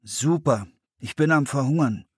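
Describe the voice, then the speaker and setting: A man's voice: medium pitch, measured pace, breathy edge, no echo, clean studio sound, voice pushed up. A man voicing a curious, bookish young boy in a storybook, explaining things earnestly. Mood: eager.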